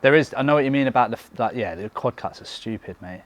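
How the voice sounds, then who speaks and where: A young man coaching and hosting a casual vlog, chatty and relaxed with frequent fillers. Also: medium pitch, quick pace. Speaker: bodybuilding coach and channel host.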